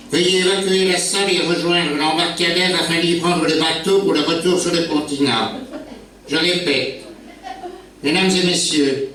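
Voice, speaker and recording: A man playing an announcer who calls out an evacuation over a loudspeaker, formal and measured, in an amateur stage play. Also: a little high. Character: adult male announcer ordering an evacuation. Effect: through a loudspeaker. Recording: echoey hall from far off, faint noise.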